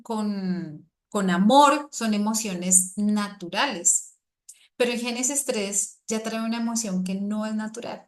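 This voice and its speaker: A middle-aged woman, preaching a sermon to a women's group with lively, animated emphasis. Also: medium pitch. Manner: lively, rising to animated emphasis when acting out quotes.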